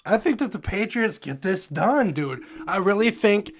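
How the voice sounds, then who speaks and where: Dude-saying guy on a sports podcast, kinda high voice, super casual. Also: lively intonation, normal speed. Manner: casual, says "dude" a lot. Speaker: podcast co-host.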